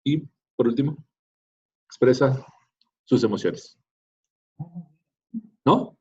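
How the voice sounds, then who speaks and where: A man teaches a class slowly in a mellow, mid-range voice with a breathy edge. He keeps it conversational, often asking "¿no?" to make sure students follow, and the classroom recording is dull and lo-fi.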